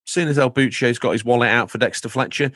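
In a casual podcast chat, a male host reads out listener comments, adding playful, rambling asides with theatrical emphasis. His medium-pitched voice is fast and a bit bright, recorded cleanly in a studio with no echo.

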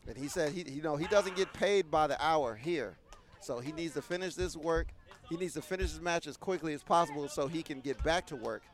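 Male play-by-play wrestling commentator with a high voice; excitable, loud on big moves. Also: brisk.

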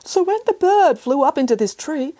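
A woman voicing a stubborn, whiny female tabby cat in a storybook, high and wailing. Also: very animated, normal speed, dark tone. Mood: plaintive.

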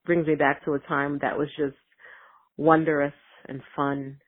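Woman caller leaving a voicemail, thoughtful and halting, heard over a thin phone line. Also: sits low, flat delivery, husky. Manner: hesitant and reflective, many ums. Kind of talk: casual voicemail message.

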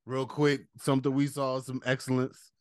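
A man's voice: mid-range voice, completely flat delivery, normal speed, a little mellow, clear, resonant tone, dry recording, clean studio sound. A man co-hosting a casual sports podcast, laid-back and playful, with loose slangy talk. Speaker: podcast co-host.

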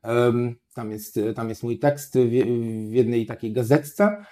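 A man's voice: medium pitch, slow pace, warm tone. A man chatting as a guest writer, talking in a hesitant, rambling way with many fillers and tag questions. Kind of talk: casual chat.

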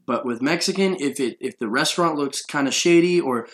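A man's voice: mid-range voice, fairly quick. Rambling young man telling a story. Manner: rambling storyteller, laughs often. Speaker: podcast host. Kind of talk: casual chat.

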